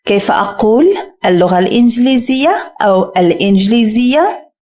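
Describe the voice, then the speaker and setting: A woman teaching a French lesson, speaking slowly and carefully and repeating each French word for the listener to copy. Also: fairly high pitch, lively intonation, darkish tone. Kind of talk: scripted language lesson.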